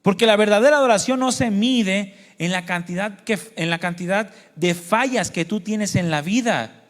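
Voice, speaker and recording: A man's voice: high-pitched, big-room sound. A man preaching a sermon, earnest and personal, asking the congregation questions and calling them brothers and sisters. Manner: tells personal testimony, asks the congregation questions. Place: church hall.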